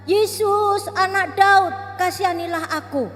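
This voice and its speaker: A desperate blind beggar man, as a woman teacher puts him on calls out in a high, straining voice. The pleas ring through a reverberant room with soft music underneath. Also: expressive, measured pace. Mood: pleading cries. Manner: cries out loudly, high and pleading.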